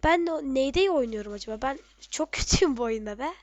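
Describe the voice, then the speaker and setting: A woman giving casual, excitable commentary on her own gameplay, muttering to herself and shouting at enemies. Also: high voice, fast, no room sound, dull audio.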